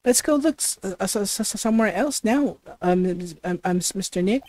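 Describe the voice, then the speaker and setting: A woman's voice: medium pitch, lively intonation, a little fast, darkish tone, natural voice. A woman voicing a cheerful young woman spirit medium in a game, a little hesitant. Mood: curious.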